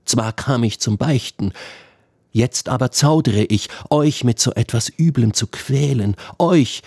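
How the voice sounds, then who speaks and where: A man's voice: medium pitch, measured pace, a little mellow, slightly rough, no echo, clean studio sound. A man voicing a remorseful murderer who confesses in a plaintive, hesitant way, in a storybook reading.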